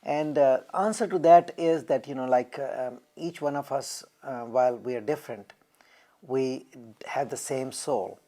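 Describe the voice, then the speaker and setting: A man's voice: medium pitch, warm tone. Indian man explaining with many fillers. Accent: Indian English. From New Delhi, India. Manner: measured explanation with frequent fillers. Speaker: temple member. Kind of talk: documentary interview.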